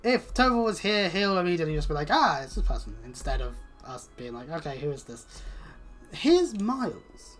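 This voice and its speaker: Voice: mid-range voice, quick pace, few pauses, a bit bright. A British let's player giving casual, rambling gameplay commentary with plenty of swearing and sarcasm. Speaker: video game let's player. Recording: game music behind the voice. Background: video game music.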